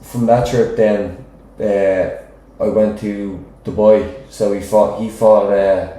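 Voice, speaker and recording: A young Irish professional boxer with a Dublin accent chats casually as an interview guest, rambling and often asking "do you know what I mean". His voice is lowish and mellow, with fairly even intonation and a slow pace. The room is very echoey.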